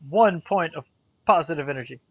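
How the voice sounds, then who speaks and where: A man's voice: fairly high pitch, animated, brisk. A man chatting casually as a player in a tabletop role-playing game. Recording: dull, muffled sound.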